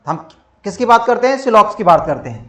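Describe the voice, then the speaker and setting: Male teacher, high voice, echoey room, repeats key terms, self-quizzing lecture style. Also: big pitch swings, fast, a bit bright. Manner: drills by asking and answering his own questions; repetitive, emphatic. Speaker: reasoning teacher. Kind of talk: exam-prep lecture.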